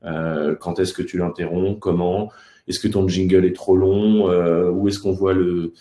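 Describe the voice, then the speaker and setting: A man's voice: low voice, little pitch movement, unhurried, dark tone. A man in his thirties from France, the guest of an online talk show, speaking casually with many hesitations. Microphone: video call. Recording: echoey room.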